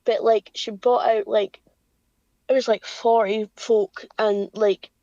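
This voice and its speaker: A young woman, chatting casually as a podcast co-host, full of "like" and quick asides. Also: mid-range voice, fairly even intonation, dark tone, no room sound. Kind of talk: casual chat. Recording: dry, dull home podcast audio.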